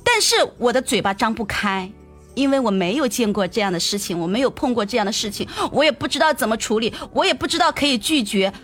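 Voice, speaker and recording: Animated young woman telling a story. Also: a little high, quick pace, faint music behind. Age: young adult. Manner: lively and chatty, stammers on repeated words and asks the audience questions. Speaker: storyteller addressing her audience.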